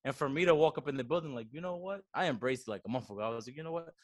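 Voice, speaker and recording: A man in his twenties, from the Dominican Republic and the Bronx, New York, chats casually as a podcast guest about his coffee business. He has a Bronx accent and a medium-pitched voice, speaking rapid-fire in slang sprinkled with Spanish words. The recording is dry and of studio quality.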